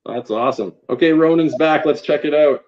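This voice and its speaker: Brisk and fairly high-pitched, this man hosts a relaxed live chat with guests via internet video call, keeping things informal and encouraging and addressing people as "dude." The recording is muffled.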